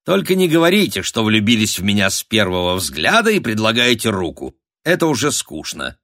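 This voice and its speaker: A man's voice: wildly swooping pitch, a little fast, a bit bright, no room sound, clean studio sound, exaggerated voice. A man voicing a bold, mocking young princess who laughs at the man threatening her. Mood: merry. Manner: laughing, teasing, high-spirited.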